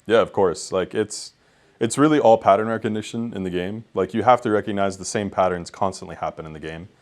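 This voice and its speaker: A man's voice: fairly low pitch, fairly quick, a little mellow. A young man, an esports head coach, talking candidly in a post-match interview, full of ums and likes.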